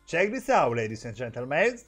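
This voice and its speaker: Animated Polish man telling stories. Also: medium pitch, normal speed, husky, soft background music. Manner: animated, switches between Polish and broken English, bursts into loud exclamations. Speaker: gaming streamer vlogger. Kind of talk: casual storytelling vlog.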